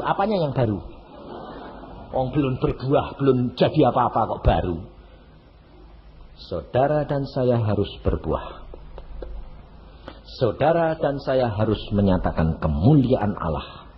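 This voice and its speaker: A man's voice: mid-range voice, very animated, unhurried, long pauses, slight background noise. A male evangelist, preaching a sermon and teasing the congregation with rhetorical questions. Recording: dull echoey hall recording.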